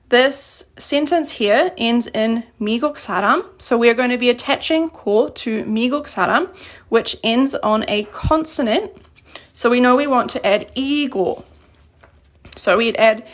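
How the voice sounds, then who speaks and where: Working sentence by sentence, a Korean teacher runs a live grammar lesson online, praising what viewers answer and taking their questions. Her voice is slightly high with a noticeable gravelly fry, picked up by a phone camera mounted above her indoor desk.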